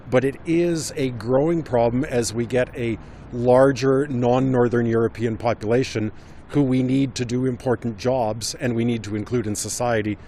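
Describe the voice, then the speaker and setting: A man giving a calm, articulate, analytical answer in a street interview. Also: medium pitch, slight background noise. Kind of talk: street vox pop answer.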